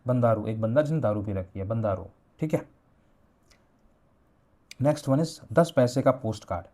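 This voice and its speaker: A young man gives an exam revision lesson in a warm, animated, mid-range voice. He explains slowly, repeating key words while spelling out book titles and memory tricks.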